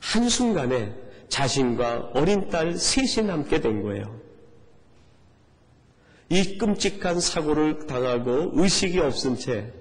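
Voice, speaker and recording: A man's voice: mid-range voice, big-room sound, poor audio. A man preaching a sermon, voicing quoted prayers with dramatic rising intensity. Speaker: pastor.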